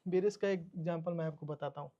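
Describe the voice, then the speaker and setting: A man explains a chart for a trading course, step by step, repeating terms and checking that listeners keep up. He talks fast in a fairly even, dark-toned voice on the high side, and the audio is dull.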